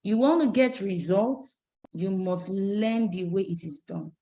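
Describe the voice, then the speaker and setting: A woman's voice: mid-range voice, unhurried, dark tone. A woman with a Nigerian English accent giving a motivational sales training talk, emphatic and preachy, acting out phone calls as she teaches. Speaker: business trainer. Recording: dull lo-fi recording.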